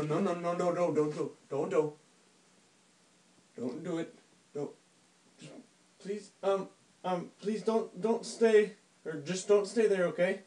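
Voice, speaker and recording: A man's voice: high voice, darkish tone. A man talking in his sleep in mumbled, disjointed, repetitive phrases. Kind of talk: unconscious sleep talk. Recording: noisy home recording with clicks.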